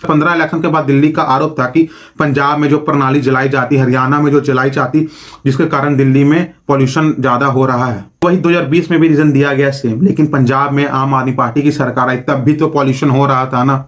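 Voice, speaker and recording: A man's voice: medium pitch, steady tone, a little fast. Opinionated man explaining politics. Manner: opinionated, with rhetorical questions. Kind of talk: scripted political commentary.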